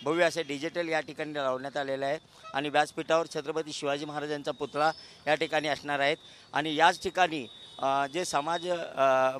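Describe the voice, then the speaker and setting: Male field reporter, fairly high voice, live on-the-spot delivery from outdoors. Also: slight background noise. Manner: steady on-the-spot reporting with brief hesitations. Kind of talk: live news report from the scene. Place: outdoors at a town square.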